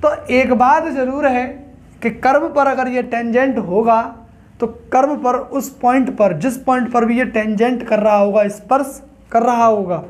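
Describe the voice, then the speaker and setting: Male math tutor, fairly high voice, step-by-step classroom explaining. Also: a little slow. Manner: explains step by step, asks students questions. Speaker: math teacher.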